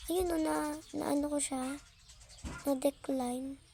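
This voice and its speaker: A woman's voice: sits high, steady tone, takes it slowly, creaky, mellow. A young woman, casually commenting on her gameplay, stumbling over words and apologizing. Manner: stammering, apologetic, self-laughing. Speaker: gaming YouTuber.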